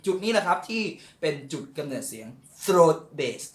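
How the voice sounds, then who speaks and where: A man's voice: fairly high pitch, sing-song, moderate pace, reverberant. A man teaching beatboxing in a casual tutorial, explaining step by step and demonstrating coughing throat sounds.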